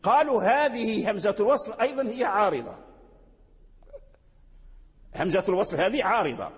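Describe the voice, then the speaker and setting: A man's voice: sits high, expressive, fairly quick. A man with a Moroccan accent teaching Quran recitation rules in a religious lecture, repeating words and answering his own questions. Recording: long hall reverb.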